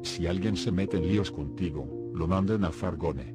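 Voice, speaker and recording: A man reading the lines of a terrified young girl who is crying and pleading, speaking softer and lower than in his narration. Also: normal speed, close to an everyday voice. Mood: sobbing, pleading. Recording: music playing behind the voice.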